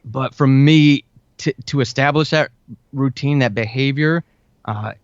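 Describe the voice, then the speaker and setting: A man in his forties, a writer of fiction and audio drama, talks casually and earnestly as an interview guest, full of enthusiasm. His mid-range voice is unhurried, clear and resonant, with no echo. The audio is dull, lo-fi and band-limited.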